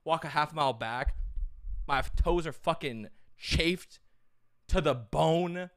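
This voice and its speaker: A man's voice: fairly high pitch, slow. A man casually telling a rambling, profane travel story, blunt and full of self-interruptions.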